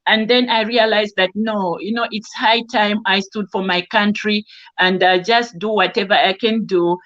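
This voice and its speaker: A woman's voice: medium pitch, steady tone, normal speed, fairly bright tone. A woman from Zambia living in the UK, speaking earnestly on an online call, with many restarts and fillers. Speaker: caller on an online discussion. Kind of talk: casual spoken testimony. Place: home, in the UK. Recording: dull lo-fi video call audio.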